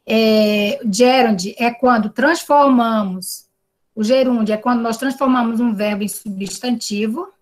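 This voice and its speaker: An English teacher, a woman whose voice is a little high, teaches an online class over a video call in a Brazilian Portuguese accent. She explains patiently and often checks in with tag questions.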